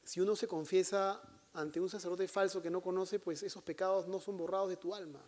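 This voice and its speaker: A man's voice: sits high, fairly even intonation, fairly quick, darkish tone. A male priest preaching a sermon in a conversational way, putting questions to his congregation and teasing them.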